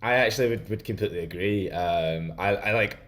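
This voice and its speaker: A man's voice: on the low side, a little fast, fairly bright tone. A Scottish man co-hosting a podcast, talking casually about film with many fillers and restarts. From Scotland. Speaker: podcast co-host.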